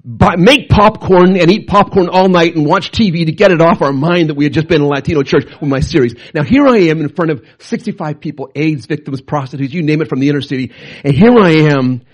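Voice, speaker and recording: A middle-aged man preaching a storytelling sermon, his voice set a bit high and worn husky. He tells his tales in an animated, excitable way, jumping up and down in pitch. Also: a little fast. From Canada. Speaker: pastor.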